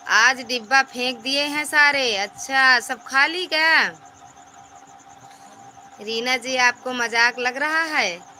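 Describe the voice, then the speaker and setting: Bright-voiced woman hosting a live stream. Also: high-pitched, takes it slowly, a little hiss or hum. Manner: affectionate, chatty, thanking viewers by name. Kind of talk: reading viewer comments aloud on a live stream.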